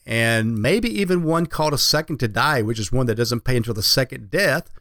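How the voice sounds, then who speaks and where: A male financial advisor talks on a radio show in a folksy, conversational way, explaining as he goes. His pitch is medium and the sound is dry and close. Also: lively intonation, fairly quick, a bit bright, dry recording.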